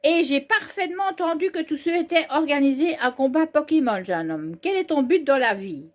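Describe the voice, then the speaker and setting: A woman reading the lines of a calm, wise older male mountaineer trainer from a manga, in a measured mentor tone. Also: high voice, voice pushed up. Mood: curious.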